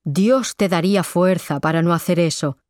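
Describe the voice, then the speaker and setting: A woman's voice: fairly low pitch, moderate pace, darkish tone, dry recording, clean studio sound, lightly acted. A woman voicing a stern, stubborn middle-aged male priest in a read-aloud story, speaking firmly and solemnly. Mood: serious.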